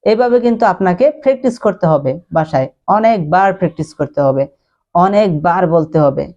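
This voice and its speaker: A woman with a low, mellow voice gives a spoken English lesson. She drills words slowly and repeats them for her students. She switches between Bengali and English as she teaches. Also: animated, highs cut off. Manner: slow drilling repetition of words; mixes Bengali with English phrases.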